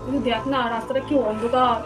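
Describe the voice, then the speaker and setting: Woman playing a frightened older sister, high-pitched and jittery, with music under her. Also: steady tone, fast talker, recorded from a distance, close to an everyday voice. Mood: nervous. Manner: nervous, repeats herself. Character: scared elder sister walking a dark road. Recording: background music.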